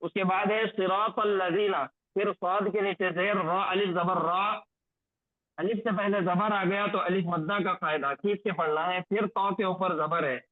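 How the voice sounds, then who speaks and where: High-voiced man teaching over a tinny line. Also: fairly even intonation, no room sound. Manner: slow, repetitive drilling of recitation phrases. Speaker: Quranic Arabic grammar teacher. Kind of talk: online lesson, explaining and drilling recitation. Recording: tinny phone-like lo-fi audio, dry.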